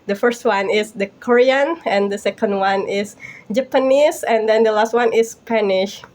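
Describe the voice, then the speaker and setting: On an online video call, a young Indonesian woman with an Indonesian accent hosts and presents a language practice talk group, chatting informally with the small group in a giggly, friendly way. Her voice is mid-range and a little mellow, at a normal speed.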